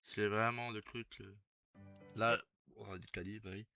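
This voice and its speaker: A young man talks loosely on his live stream, cursing and laughing out loud as he reacts. His voice sits low and close to the mic, but the stream audio is dull and lo-fi. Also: steady tone, measured pace, gravelly, soft background music. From Belgium. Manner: casual, swearing, loud bursts of laughter.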